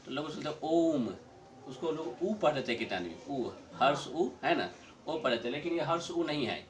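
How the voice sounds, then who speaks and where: A middle-aged man teaching a grammar lesson to a class, explaining slowly, repeating his points and chuckling often. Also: on the high side, lively intonation.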